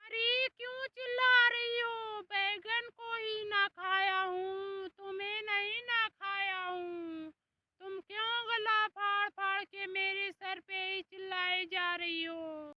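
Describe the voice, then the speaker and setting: A brash, gluttonous buffalo man, as a woman puts him on for a homemade comedy skit, shoving and wheedling his way in. The voice sits very high and bright and moves slowly. A faint hiss of noise sits behind it. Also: steady tone, full character voice. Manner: pushy, wheedling.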